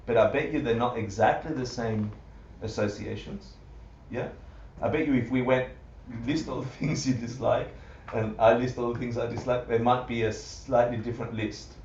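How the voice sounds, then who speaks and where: A man teaching a Buddhist class live to an audience, animated, full of rhetorical questions and often laughing. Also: mid-range voice, moderate pace, a little hiss or hum. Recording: roomy, distant, muffled livestream audio.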